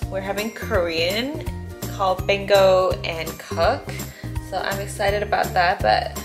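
A woman's voice: medium pitch, measured pace, echoey room, music in the background. A young adult woman chatting casually and upbeat in a vlog, filling her talk with "like" and "um". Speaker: vlogger.

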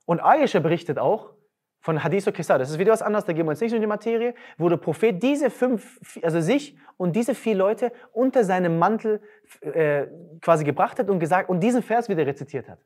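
A woman delivers a religious lecture in a husky, somewhat low voice. She speaks emphatically and keeps firing off rhetorical questions. Her pitch swings widely as she drives each point home. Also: lively intonation, fairly quick, darkish tone.

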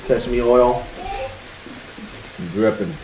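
A man's voice: mid-range voice, steady tone, very slow, distant mic. A middle-aged man chatting casually as he eats, chewing and murmuring between phrases. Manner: talking while eating, with chewing and "mm" sounds. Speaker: father hosting a family eating show. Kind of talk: casual mukbang chat. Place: indoor room at a table beside a sizzling griddle. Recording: echoey room with clear background noise.

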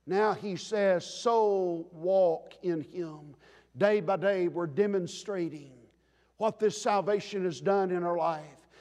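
A man preaching a sermon as pastor, emphatic, building to loud declarations and dropping low again. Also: a little slow. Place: church sanctuary. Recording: long reverb of a church sanctuary.

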